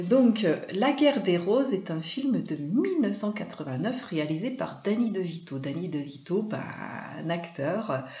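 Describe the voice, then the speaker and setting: A woman's voice: fairly low pitch, warm tone. A French woman hosting a weekly live film talk, hesitant, with many fillers and restarts. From France. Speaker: host and film trainer. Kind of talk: casual live-stream talk. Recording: roomy, dull lo-fi sound.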